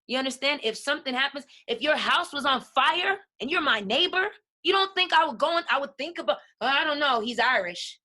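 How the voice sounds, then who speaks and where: A woman's voice: high-pitched, expressive, fairly quick, few pauses, pushed and bright. A woman guest on a podcast, talking passionately and emphatically, often checking in with "right?". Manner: emphatic, keeps asking "right?". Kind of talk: passionate conversation.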